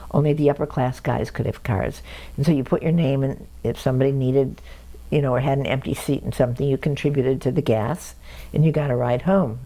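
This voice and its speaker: The speaker is an older Cleveland, Ohio woman whose gravelly voice sits at an extremely low pitch. She tells family stories in an oral history interview as a lively, anecdotal storyteller who chuckles frequently. The recording is rough.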